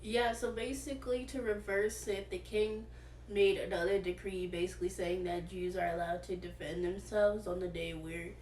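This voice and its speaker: A woman's voice: fairly low pitch, fairly even intonation, moderate pace, darkish tone. A woman co-hosting a casual Bible study livestream, chiming in with chatty comments. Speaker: ministry co-host. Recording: echoey, distant from mic, faint noise.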